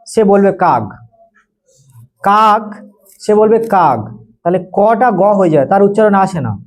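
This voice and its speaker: A man with a high, mellow voice teaches a grammar lesson in a classroom. He dictates definitions slowly, repeats phrases for note-taking and fires questions at his students. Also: poor audio. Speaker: tutor.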